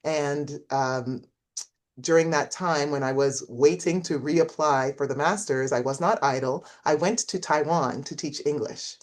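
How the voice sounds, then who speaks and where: Speaking deeply and at a measured pace, a middle-aged woman from Canada, a professor, talks as a guest in an interview conversation. Her manner is reflective and story-driven, and she performs the quoted voices.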